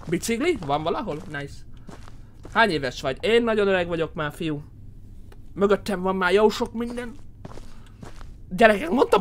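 Screaming Hungarian streamer, very high voice. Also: male voice. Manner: screams and yells in panic at scares, then drops to low muttering. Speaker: gaming streamer. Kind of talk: horror game let's play commentary.

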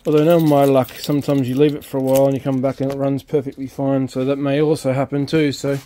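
A man's voice: medium pitch, flat delivery, fast talker, mellow, a little hiss or hum. A man, chatting casually on a home car restoration vlog, rambling with lots of ums and restarts, filmed on a phone held close in an open carport. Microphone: phone camera held close.

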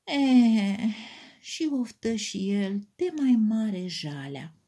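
A woman reading a children's story aloud, lively and expressive. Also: medium pitch, husky.

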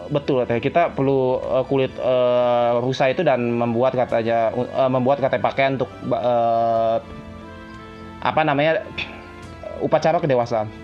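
Halting man reading game dialogue, muffled. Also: mid-range voice, fairly even intonation. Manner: halting, self-correcting delivery. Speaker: gameplay video host. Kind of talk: casual live translation and reading of game dialogue. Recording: dull lo-fi sound, music behind.

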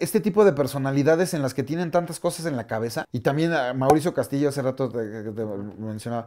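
A man's voice: a little high, a little mellow. A man with a Mexican accent telling casual anecdotes as a comedian vlogger, slangy and playful, acting out the people he talks about. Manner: slang-heavy, playful, acts out other people mid-story. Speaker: comedian and YouTuber.

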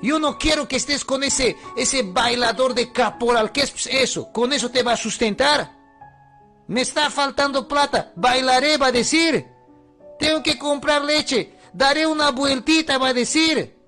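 Man doing an angry father, shouting, pitched high, gravelly. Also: a little slow, faint music behind, heavily acted. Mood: scornful. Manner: shouting threats and scolding. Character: strict, furious middle-aged father.

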